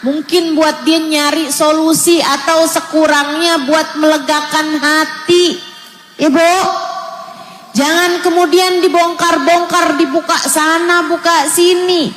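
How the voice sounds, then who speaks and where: Woman preacher, middle-aged, coaxing sermon tone, high voice, reverberant hall. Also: little pitch movement, takes it slowly, slight background noise. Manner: earnest, addresses mothers directly, warm coaxing. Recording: echoey hall with faint ambience.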